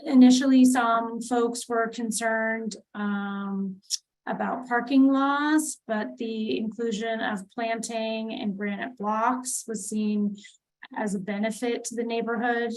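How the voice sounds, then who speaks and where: A woman's voice: fairly high pitch, steady tone, takes it slowly, low-quality recording. Hesitant woman presenting at a meeting. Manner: hesitant, many fillers and restarts. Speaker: city transportation planner presenting.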